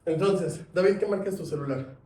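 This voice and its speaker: A man teaching a sales class, lively, asking his students questions. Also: sits high, a little fast. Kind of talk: classroom lecture. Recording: echoey room, mic at a distance.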